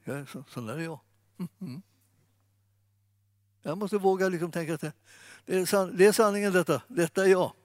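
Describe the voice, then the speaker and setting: A man giving an informal sermon, chatty and animated, speaking straight to his listeners. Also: sits high, long pauses, no echo, studio quality. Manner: conversational, animated, fillers and restarts, addresses audience. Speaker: preacher.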